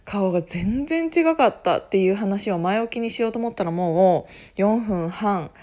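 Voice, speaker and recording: A woman talks casually on her own in a medium-pitched voice with a hoarse, husky edge. She rambles along, cutting into her own sentences and circling back as she goes. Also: expressive, moderate pace, dark tone. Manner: rambling, self-interrupting, often laughing at herself. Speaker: podcast host making an announcement. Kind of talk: casual solo chat.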